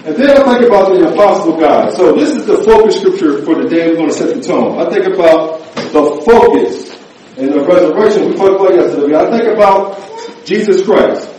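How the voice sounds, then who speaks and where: A man's voice: high voice, normal speed, dark tone, a little hiss or hum. A man preaching a sermon, joking with the congregation and often asking them to answer "amen" and "right". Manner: call-and-response, often asks "amen?" and "right?". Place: church. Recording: echoey church hall, mic at a distance.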